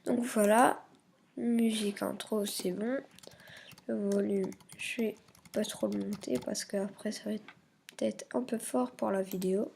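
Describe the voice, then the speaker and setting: A woman walking viewers through a software tutorial, hesitant and full of fillers, self-corrections and muttered asides. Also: medium pitch, fairly even intonation, measured pace, vocal fry, slight background noise. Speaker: YouTube tutorial maker. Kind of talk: screen-recording software tutorial.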